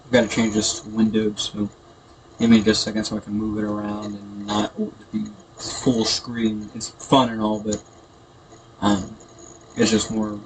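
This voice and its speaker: A man's voice: lowish voice, little pitch movement, measured pace. A man giving casual, hesitant, rambling gameplay commentary, sounding tinny and echoey through a built-in computer microphone. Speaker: gaming video host. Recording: tinny echoey computer mic, background noise.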